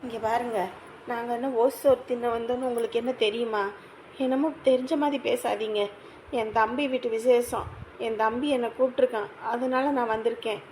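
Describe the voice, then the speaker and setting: A woman's voice: a little high, steady tone, fairly quick, darkish tone, natural voice, poor audio. A woman shut out by her family, played by an actress, speaks. She sounds wounded and pleads her case. Light noise runs behind her. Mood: defensive. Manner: hurt, pleading, defensive. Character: shunned woman, ashamed and wounded. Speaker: estranged sister of the host family. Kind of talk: village family drama acting.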